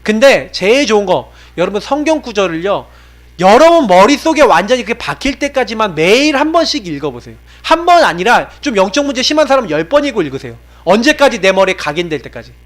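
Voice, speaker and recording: A man from South Korea preaches a sermon to his congregation inside a church sanctuary, shifting between raised urging and low, confiding speech. He asks rhetorical questions often and talks at a quick pace with a sing-song lilt.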